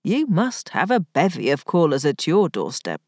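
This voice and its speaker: Play a wry young viscount, voiced by a woman narrator, formal and teasing in an old-fashioned storybook way. Let the lines swing widely in pitch, and keep the sound close and dry. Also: huge pitch swings, normal speed, darkish tone, dry recording, heavily acted. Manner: formal period speech, rising to a strained high pitch.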